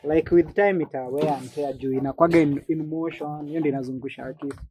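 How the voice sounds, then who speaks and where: Mellow, higher-voiced Kenyan man chatting casually. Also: fairly even intonation, quick pace, slight background noise. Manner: informal, slangy, code-switching. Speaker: content creator and machine seller. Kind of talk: casual chat and product demonstration.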